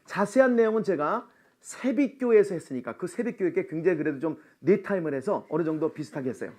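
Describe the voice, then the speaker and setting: A middle-aged man preaching at a church seminar, animated and laughing often, calling out for amens. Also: a little high, quick pace. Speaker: missionary seminar speaker. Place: church sanctuary.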